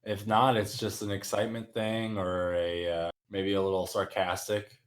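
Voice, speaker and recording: A man's voice: fairly low pitch, little pitch movement, normal speed. A young man co-hosting a podcast in casual chat, laid-back and agreeable, often hesitating with "um"s. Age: young adult. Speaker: podcast co-host.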